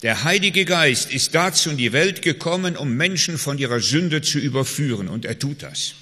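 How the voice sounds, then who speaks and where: Male preacher, emphatic sermon delivery, bright tone, reverberant hall. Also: a little high, lively intonation, moderate pace, breathy edge. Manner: emphatic preaching with swings between loud calls and quiet confession.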